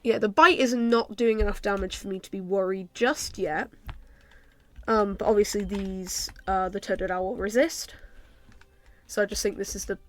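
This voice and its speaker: A young woman gaming YouTuber, her nose stuffy from a cold, casually comments on her game in a medium-pitched voice. She thinks aloud with lots of ums and soft laughs.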